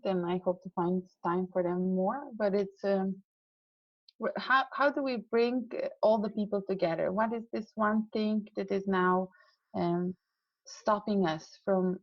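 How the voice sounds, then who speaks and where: Young woman guest from Serbia, idealistic, halting with fillers; muffled, dry audio. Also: mid-range voice, steady tone, dry recording. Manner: earnest, idealistic, frequent fillers and restarts. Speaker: guest, climate scientist. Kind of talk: casual interview talk.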